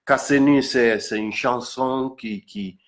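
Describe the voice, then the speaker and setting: A man from Accra, whose first language is Ga and who speaks with a Ghanaian accent, presents his own single to an audience. His medium-pitched explanation is informal and halting, with words repeated for emphasis.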